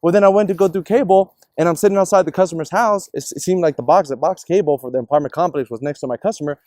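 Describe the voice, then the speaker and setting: A man telling a personal story in casual discussion, animated and acting out the people in it. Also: fairly high pitch, fast, no echo, studio quality. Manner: animated, acts out other people's voices in his stories.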